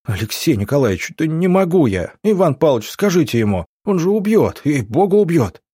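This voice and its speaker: A man voicing a frightened, whiny wounded patient who pleads in a strained, high voice for an audiobook. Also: sing-song, brisk, dark tone, husky, no echo, clean studio sound. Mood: panicked.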